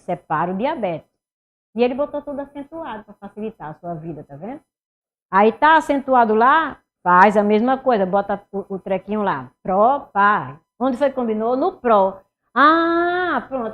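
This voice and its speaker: A woman leads a grammar lesson. Her voice sits a little high, and she keeps asking questions and then answering them herself. Her loudness rises and drops from one phrase to the next as she works through the answers. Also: muffled recording. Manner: lively, rhetorical questions, swings loud and soft. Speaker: Portuguese teacher. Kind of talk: exam review lesson.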